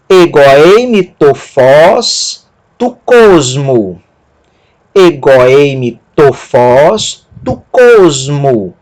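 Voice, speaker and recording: A man giving a Greek lesson, spelling out letters one by one and repeating words slowly. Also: fairly high pitch. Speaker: Greek teacher. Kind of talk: slow spoken lesson.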